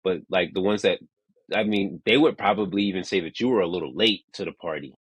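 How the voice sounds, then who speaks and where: A man's voice: low voice, brisk, husky, no echo, poor audio. A man in his thirties co-hosting a podcast, rambling casually with lots of "like" and restarts. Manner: rambling, heavy use of "like", restarts. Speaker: podcast co-host. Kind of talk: casual chat.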